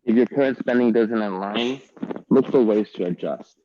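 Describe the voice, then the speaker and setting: A man giving an online financial seminar, his audio crackling and cutting in and out as he talks with halting fillers. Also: on the low side. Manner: halting, with frequent fillers and restarts. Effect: crackling, cutting-out mic audio. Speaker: financial presenter. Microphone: earpiece headset on a video call. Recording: crackly dull video-call audio.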